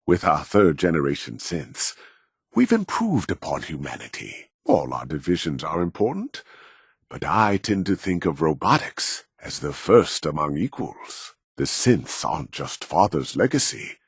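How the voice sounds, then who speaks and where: A voice actor delivers scripted video game lines as a proud, arrogant middle-aged robotics scientist with a deep, husky, sing-song voice, performed in a heavily acted style. His delivery is measured, formal, self-important, condescending and persuasive, captured in clean studio sound with no room ambience.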